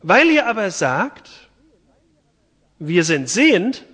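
A man giving a sermon, retelling and reading a Bible passage in a chatty, lively way. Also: high-pitched, slow, slightly rough, long reverb tail. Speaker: preacher. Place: church.

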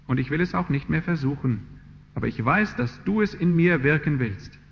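A man's voice: medium pitch, creaky. A man preaching a sermon in an earnest manner, building to emphatic passages. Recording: dull lo-fi sermon recording with hall reverb and faint background noise.

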